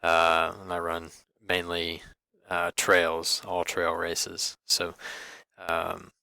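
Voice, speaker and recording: A young man giving a class presentation over slides, halting and full of fillers and restarts. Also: low voice, completely flat delivery, gravelly, pushed and bright, dry recording. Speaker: student presenter.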